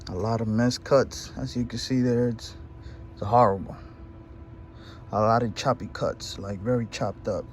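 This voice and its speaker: A man's voice: medium pitch, fairly even intonation, unhurried, noisy background. Casual man narrating his garage motorcycle project. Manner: rambling, self-correcting, casual. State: out of breath at times. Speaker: motorcycle DIY vlogger.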